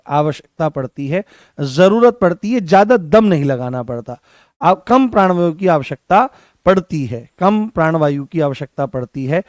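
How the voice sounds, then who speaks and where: A man with a high voice teaches an exam-prep grammar class, repeating each phrase several times and throwing questions at his students. He calls them by fond nicknames. The recording is dry and close. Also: dry recording. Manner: repetitive, drills phrases, asks the class questions, affectionate address.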